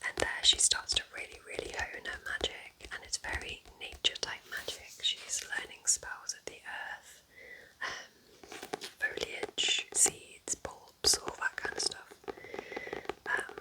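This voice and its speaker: Whispering breathily and unvoiced, an ASMR host calmly suggests books with soft, gentle enthusiasm. The sound quality is poor.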